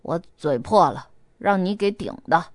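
A woman voicing a hurt rural man who speaks in a gruff, strained way. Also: fairly low pitch, animated, unhurried, dry recording, clean studio sound, voice pushed down.

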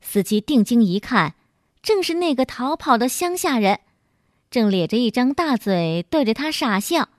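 Expressive woman storyteller, higher voice. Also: normal speed, no echo, studio quality. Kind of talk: scripted story narration.

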